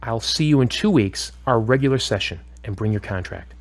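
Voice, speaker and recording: A man of medium pitch voices a calm, firm, probing therapist in an audio drama with a script. His measured manner of instructing and questioning comes across as stern and firm.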